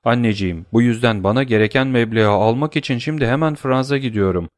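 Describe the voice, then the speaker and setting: A man's voice: medium pitch, fast, no room sound, natural voice. A man voicing a proud young nobleman, speaking earnestly and with firm resolve. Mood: resolute.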